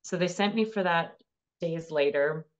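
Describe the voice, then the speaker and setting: In this personal storytelling interview, a cancer patient in her thirties recounts her experience with earnest emotion. She speaks low and unhurriedly, and the recording sounds muffled.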